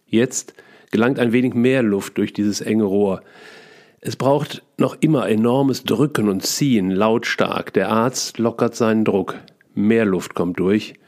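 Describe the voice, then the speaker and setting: A man reading his own memoir aloud in short, clipped first-person sentences, calm and steady. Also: fairly low pitch, unhurried. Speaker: author reading his book.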